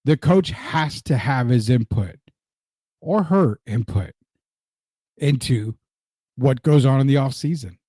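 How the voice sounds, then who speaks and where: This Puerto Rican host, speaking Spanish, has a mellow, expressive mid-range voice with a breathy edge, delivered slowly with long pauses. Recorded dry at studio quality, he emphatically repeats his points on a casual sports talk show and reads out viewer comments.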